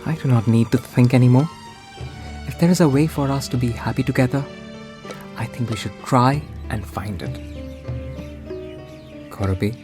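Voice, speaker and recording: An actor playing an earnest, lovestruck young son of a rich family in a radio drama. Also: male voice, mid-range voice, moderate pace, pauses often, over music, natural voice. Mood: tender. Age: young adult. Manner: earnest, defiant.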